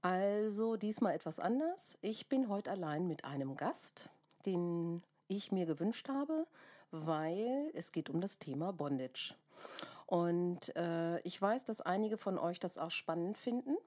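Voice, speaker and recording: A woman's voice: fairly low pitch, animated, a little slow, mellow. A woman with a congested, snotty voice from a lingering cold, chatting casually as a podcast host.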